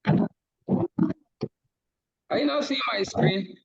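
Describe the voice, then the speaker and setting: A man's voice: high voice, unhurried, gravelly, breathy edge, lo-fi sound. A man lecturing over a video call whose audio breaks up on a bad connection; he keeps checking that listeners can follow. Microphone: computer or phone mic on a video call.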